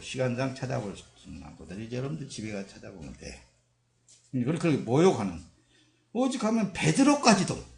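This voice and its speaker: Male pastor, emphatic sermon, lively swooping delivery, roomy church sound. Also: on the low side, vocal fry. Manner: emphatic preaching with dramatic quoted voices. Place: church sanctuary. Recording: echoey church hall.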